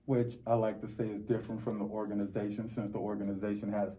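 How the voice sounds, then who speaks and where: A middle-aged American man from Los Angeles giving reflective, halting interview answers, often repeating words. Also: fairly low pitch, little pitch movement, warm tone. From Los Angeles, United States. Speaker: interview guest. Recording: dull, muffled lo-fi recording.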